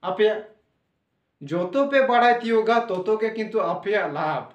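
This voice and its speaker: A male teacher with a notably high voice steps through a lesson, spelling out letters one by one and putting questions to the class that he then answers himself. He sits back from the microphone, so the sound is thin and distant, and it rings around an echoey room. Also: expressive, unhurried, lo-fi sound. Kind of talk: classroom-style lesson explanation. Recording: echoey room, voice away from mic.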